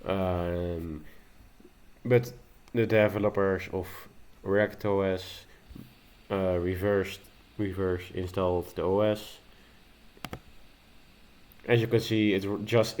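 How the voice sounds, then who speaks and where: With a low, darkish voice and a slow pace, a man walks viewers through a casual screen-recording tech tutorial. His first language is Dutch, and he stumbles nervously, hesitating with frequent fillers and restarts.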